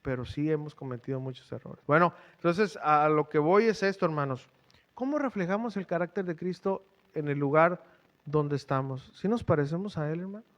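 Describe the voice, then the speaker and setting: A man's voice: fairly high pitch, moderate pace, dull audio. A middle-aged man preaching a sermon, questioning the congregation in a conversational way. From Mexico. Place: church.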